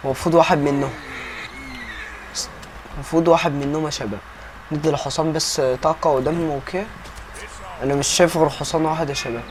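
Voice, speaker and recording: He's a young gaming YouTuber, Egyptian-accented, firing off laid-back commentary on his gameplay at speed. The voice is a touch high, he keeps chatting with his viewers, and a slight hiss or hum runs underneath.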